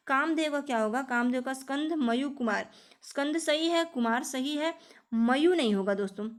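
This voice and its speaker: A woman teaching an exam-prep lesson, patiently repeating each answer and often calling her viewers friends. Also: high voice. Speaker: teacher preparing students for teaching exams.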